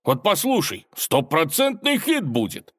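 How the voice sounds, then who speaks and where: A man voicing a boastful, toothless old male forest robber in a storybook, squeaky and quick to take offense. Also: lively intonation, lightly acted. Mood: chummy. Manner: squeaky, petulant, easily offended. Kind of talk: storybook character voice.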